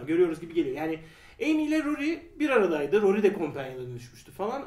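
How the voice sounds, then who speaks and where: A man talks in quick, rambling bursts, full of fillers, in a high register. He sits back from the microphone, and the room adds a clear echo. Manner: animated, rambling with many fillers. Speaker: podcast co-host. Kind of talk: casual review chat. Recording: roomy echo, a bit far from the mic.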